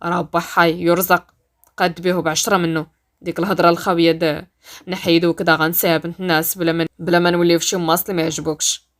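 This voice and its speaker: A woman's voice: lowish voice, quick pace, pitched below the performer's own voice, natural voice. A woman doing a heated young man with a Moroccan accent. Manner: shouting in anger, then steady and insistent. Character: angry young man, forceful and protective. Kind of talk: storytelling voice-acting.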